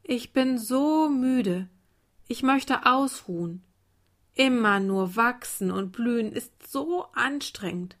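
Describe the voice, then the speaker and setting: A woman voicing a small, weary daisy child in a storybook, speaking softly and gently. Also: on the high side, lively intonation, slow pace, voice pushed up. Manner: soft, weary, hushed. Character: tiny tired young daisy child.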